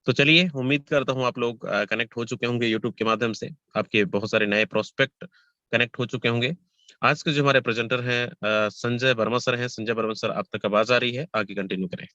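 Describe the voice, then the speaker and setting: A man's voice: mid-range voice, steady tone, a little fast, pushed and bright, no echo. A man hosting an online webinar, urgently urging viewers to stay and listen. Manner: urgent, pleading, repeats instructions. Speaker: webinar host. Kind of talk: introducing a webinar. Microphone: video call. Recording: dry lo-fi video call audio.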